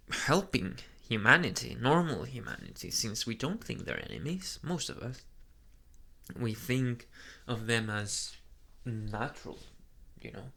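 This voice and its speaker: In an ASMR boyfriend roleplay, a man plays a soft, flustered young male vampire, speaking hesitantly and earnestly in an intimate murmur. His medium-pitched voice has vocal fry and sounds exaggerated.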